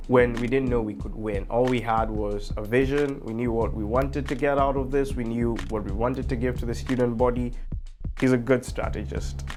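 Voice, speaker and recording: A man in his twenties with a Kenyan accent, telling his personal story in an interview as a student leader. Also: mid-range voice. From Nairobi, Kenya. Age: 20s. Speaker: student body president. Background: background music.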